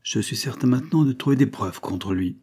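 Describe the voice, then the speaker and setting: Un homme qui prête sa voix, dans un livre audio, à un agent de police franc et enthousiaste, au ton ardent et sincère. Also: male voice, mid-range voice, lively intonation, fairly quick, darkish tone, husky, pitched above the performer's own voice. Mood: earnest, eager. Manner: frank, enthusiastic, earnest. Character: eager, outspoken male police agent. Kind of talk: audiobook character reading.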